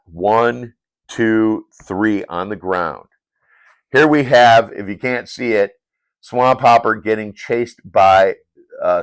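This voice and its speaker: A low-voiced, rambling man. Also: dry recording. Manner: casual, rambling, with self-corrections. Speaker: comic book creator. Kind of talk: live-stream comic walkthrough.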